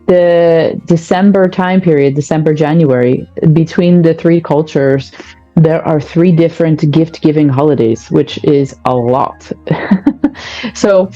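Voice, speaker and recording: A parenting coach from the United States, appearing as a guest on a podcast, reflects thoughtfully on family life. Her voice sits low with a warm tone. The sound is lo-fi.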